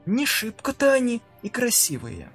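A man's voice: very high voice, wildly swooping pitch, normal speed, husky, soft background music, voice pushed up, heavily acted. A man doing a sly, coaxing witch woman. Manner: soft, coaxing, hushed. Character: sly young-looking witch woman, cunning and weary.

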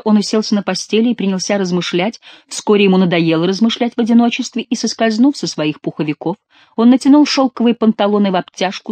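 A woman reading a classic historical novel aloud in a measured, expressive manner. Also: medium pitch, dry recording. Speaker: audiobook narrator. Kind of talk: literary audiobook narration.

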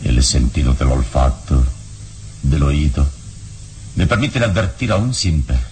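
This is Kalimán, the deep-voiced, calm mystic hero, performed by a man in full character voice for an old-time radio drama, with a little hiss or hum in the audio. His storytelling is measured, composed, and explanatory, a calm retelling of events.

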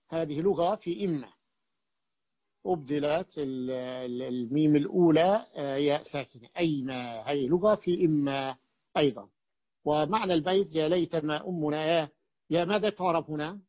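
A man teaching a class, explaining a classical grammar text, questioning his students and repeating points with halting restarts. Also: on the high side, dry recording. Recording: dull, dry lo-fi recording.

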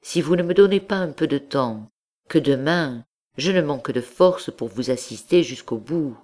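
Une femme faisant la voix d'un prêtre confesseur doux et fatigué, patient et posé, dans un livre audio. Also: female voice, sits low, expressive, moderate pace, darkish tone. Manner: patient, reasoning, formal. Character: gentle, tired male priest-confessor.

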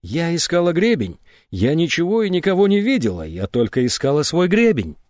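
A man reading aloud, voicing a distraught woman in shock who rambles and then turns shrill and suspicious. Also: wildly swooping pitch, a little fast, darkish tone, dry recording, studio quality. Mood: dazed.

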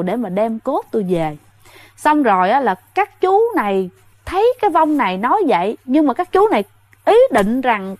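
A woman with a higher voice tells a ghost story casually and chattily, often addressing her listeners directly and using many fillers. The recording has no echo.

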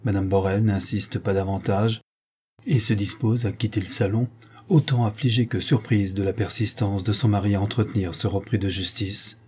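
A man reading a classic novel aloud as narrator, measured and expressive. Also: fairly low pitch, breathy edge. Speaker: audiobook narrator.

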